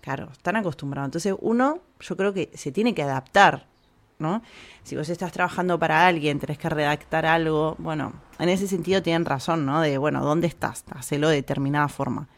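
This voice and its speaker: A woman from Argentina with an Argentine accent, chatting casually to camera in an animated, opinionated way full of fillers. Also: sits low, fairly quick. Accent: Argentine Spanish. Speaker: vlogger.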